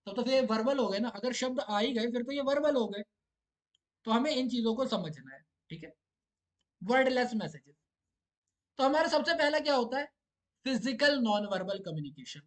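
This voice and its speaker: A man's voice: extremely high pitch, lively intonation, normal speed, long pauses. A young man teaching an exam-prep lesson, explaining step by step and often checking that listeners follow. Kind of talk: lecture mixing Hindi and English.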